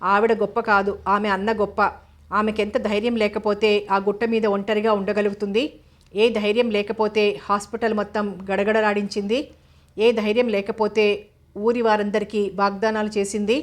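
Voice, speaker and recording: A woman's voice: mid-range voice, little pitch movement, normal speed, natural voice. A woman reading an audio novel, voicing a scheming male villager who sounds worried and agitated.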